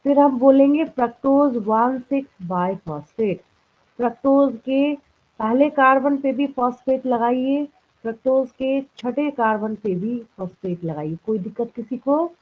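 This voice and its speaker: A woman's voice: sits high, a little slow. A biology teacher from India lecturing a live class. She asks the students each point as a question, answers it herself, and checks often whether they follow. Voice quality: clears throat now and then. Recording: thin phone-like sound.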